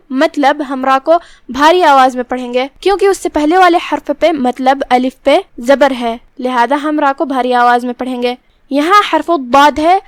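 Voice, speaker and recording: A woman with a Pakistani Urdu accent, teaching Quran recitation rules in a measured, instructive way. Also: high-pitched, dry recording. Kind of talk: tajweed lesson, explaining rules word by word.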